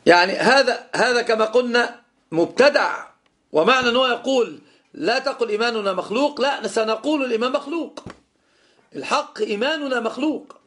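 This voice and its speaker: A middle-aged man teaching a classroom lesson as an Islamic scholar, his voice pitched notably high for a man. He drives points home by repeating phrases and drawing out key words. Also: fairly quick, fairly bright tone. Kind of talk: classroom lecture on legal theory.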